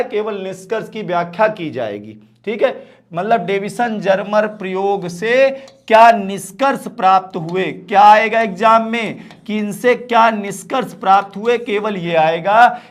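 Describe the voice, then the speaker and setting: A man teaches an exam-prep physics lesson. He talks straight to his students, firm and familiar, and keeps checking that they follow. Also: sits high. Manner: direct, repeats "ठीक है" and calls students "बेटा".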